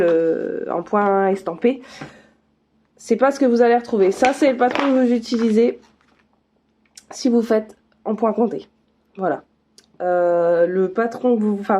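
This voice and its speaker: A woman chats casually as she unboxes craft kits, her voice mellow and soft-edged. She talks in loose, easygoing runs, stopping often for fillers and restarts. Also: mid-range voice. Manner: chatty, many fillers and restarts. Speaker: craft vlogger.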